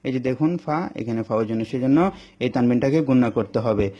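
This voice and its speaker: Patient male teacher, dull lo-fi sound. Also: medium pitch. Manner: patient, repetitive, asks and answers his own questions; stretches words into slow sung recitation. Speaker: Quran reading teacher. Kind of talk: step-by-step recitation lesson, spelling out letters. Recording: dull lo-fi recording.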